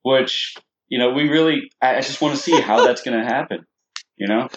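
A man's voice: mid-range voice, fairly quick, fairly bright tone, slight background noise. A man co-hosting a casual podcast, talking eagerly about shows he follows. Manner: eager, enthusiastic fan talk. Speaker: podcast co-host. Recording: dull lo-fi podcast audio.

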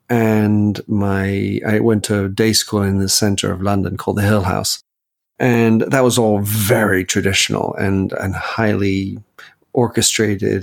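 With a gravelly, fairly low voice, a man in his fifties from Belgium recounts his life story as a guest author in a reflective interview conversation.

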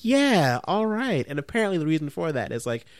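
A man's voice: fairly high pitch, sing-song, a little fast, no echo. A man chatting with a friend, his voice climbing and dropping all over the place. He rambles along with lots of "like," and the sound is close and dry. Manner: rambling, lots of "like", jumps into silly quoted voices. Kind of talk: casual chat.

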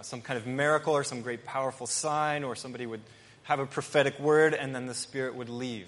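A male pastor preaching an earnest, emphatic sermon with pauses and restarts. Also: medium pitch, a bit bright. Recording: long hall reverb.

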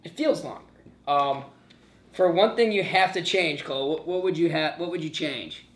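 Young male podcast co-host, higher-pitched voice, casual and personal, echoey room. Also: moderate pace, a bit bright. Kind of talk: casual chat.

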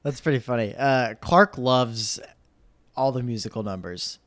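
A man co-hosting a casual chat, animated and laughing, who moves the talk from one segment to the next. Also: medium pitch, unhurried, dry recording. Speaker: podcast co-host.

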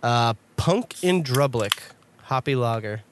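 A man's voice: mid-range voice, animated, takes it slowly, noisy background. Laid-back young male podcast co-host. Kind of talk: casual chat.

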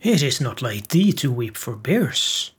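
A man voicing a frail old holy hermit who speaks gentle, solemn counsel in old-fashioned speech. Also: mid-range voice, big pitch swings, unhurried, slightly rough, voice pushed up, full character voice. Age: older.

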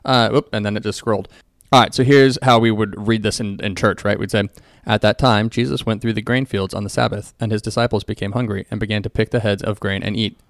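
Man, gravelly voice, dry close sound, playful casual podcast talk. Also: fairly low pitch, quick pace, few pauses, no room sound. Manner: playful, animated explaining. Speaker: podcast co-host. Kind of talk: casual chat.

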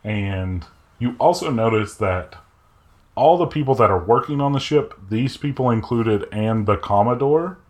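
A man narrating as game master of a tabletop role-playing game, describing scenes in a measured way. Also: medium pitch, animated.

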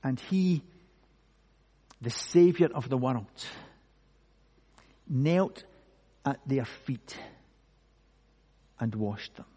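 A male pastor preaching a sermon slowly and emphatically, with dramatic pauses. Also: medium pitch, lively intonation, warm tone. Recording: long hall reverb.

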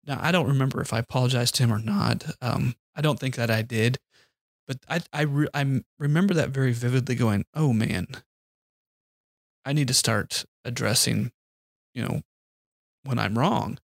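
Animated storytelling man, dry sound. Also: mid-range voice, a little fast, gravelly, no echo. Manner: animated storyteller, acts out quotes. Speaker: podcast co-host. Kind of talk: casual storytelling chat.

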